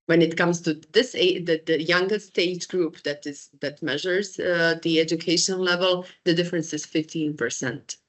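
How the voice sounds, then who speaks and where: Chatty woman researcher with lower pitch. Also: steady tone, normal speed, few pauses. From Croatia. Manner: chatty, with frequent fillers, restarts and laughs. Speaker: researcher speaking at a panel. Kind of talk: conversational presentation.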